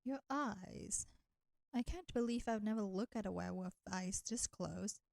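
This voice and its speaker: A woman with a creaky, mid-range voice and darkish tone plays a flirty, teasing, nurturing female vampire, an ancient enemy turned caretaker, in an intimate roleplay audio drama. Her delivery is slow, tender and coaxing as she teases and addresses the listener with pet names. The clean studio sound has no echo.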